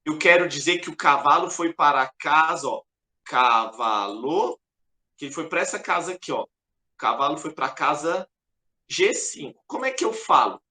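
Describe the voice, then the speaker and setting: A man's voice: on the high side, lively intonation, moderate pace, bright, forceful tone. A man teaching a chess lesson, patient and repetitive as he points at the board. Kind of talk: explaining a lesson over a board. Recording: echoey room.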